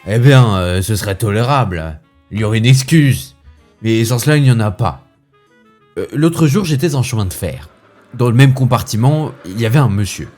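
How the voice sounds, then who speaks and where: A man playing a fussy, indignant gentleman who rants with theatrical asides, as in a comic stage monologue. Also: on the low side, voice pushed up. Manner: huffy, ranting, theatrical asides.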